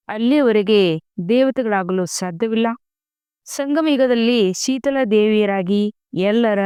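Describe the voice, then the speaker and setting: A woman reading a devotional spiritual discourse aloud in a slow, measured recitation with emphatic pauses. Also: medium pitch, darkish tone, clean tone, no room sound, clean studio sound. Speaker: murli reader.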